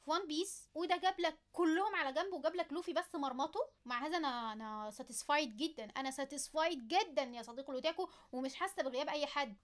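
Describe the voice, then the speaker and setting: High voiced egyptian girl doing anime commentary, super fast, excited fan, playful and chatty with viewers. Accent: Egyptian Arabic. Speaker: anime video host. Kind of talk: casual anime commentary to camera.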